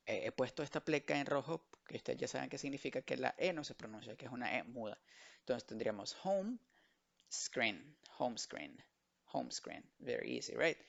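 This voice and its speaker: A medium-pitched, creaky male voice comes through with lo-fi sound. He's running an online English vocabulary lesson for kids, switching languages between Spanish and English and repeating each word slowly and patiently.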